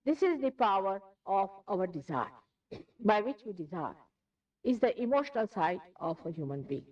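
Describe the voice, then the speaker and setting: A woman's voice: medium pitch, sing-song, normal speed, a little mellow. A woman with an Indian accent delivers a spiritual lecture, stressing her points by repeating them. She sounds set well back from the microphone. The old tape is muffled and lo-fi. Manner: emphatic, repeats phrases for stress. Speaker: spiritual teacher. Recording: distant, dull lo-fi 1981 lecture tape.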